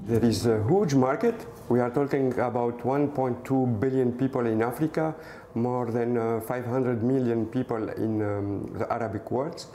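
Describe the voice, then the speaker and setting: A man's voice: mid-range voice, moderate pace, mellow, soft background music. A man in his forties with a Tunisian accent, answering in an interview as a startup co-founder.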